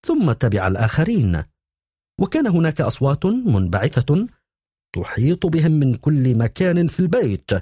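A man reads a novel aloud in a steady storytelling manner. His voice is mellow and a little husky, and it rises and falls with the story. The sound is close and dry. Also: mid-range voice, no echo. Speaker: audiobook narrator. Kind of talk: scripted narration.

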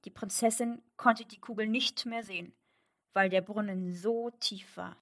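A woman reads a fairy tale aloud, clear and expressive. She takes her time over every line at a very slow, measured pace. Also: medium pitch. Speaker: narrator. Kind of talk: slow storybook reading.

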